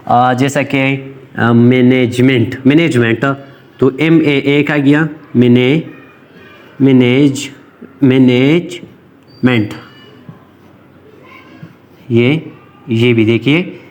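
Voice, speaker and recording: In this informal, recorded English grammar lesson, the male teacher speaks at medium pitch and hesitates a lot, with frequent fillers and restarts. When dictating English sentences, he slows his delivery.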